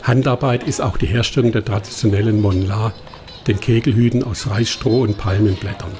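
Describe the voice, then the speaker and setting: Guy doing travel doc voice-over, lowish mellow voice, calm and measured. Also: a little hiss or hum. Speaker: travel documentary narrator. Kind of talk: scripted voice-over narration.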